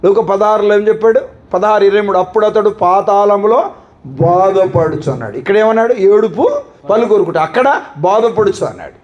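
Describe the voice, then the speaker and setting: In a dull-sounding recording, a male pastor with a high-pitched, darkish voice delivers a fairly quick Telugu sermon into a microphone. He leans on rhetorical questions and repetitive lists, and the congregation responds in call-and-response.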